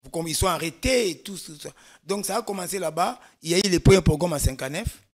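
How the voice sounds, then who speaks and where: Congolese guy on a political talk show, kinda high voice, keeps restarting mid-sentence, hammering his points. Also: fast. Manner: emphatic explaining, frequent restarts. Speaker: political guest expert. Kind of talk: studio political discussion.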